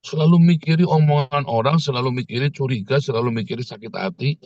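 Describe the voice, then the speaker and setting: A pastor preaching a sermon, telling humorous stories and jumping high in pitch when he quotes others. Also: fast, darkish tone, no echo, highs cut off.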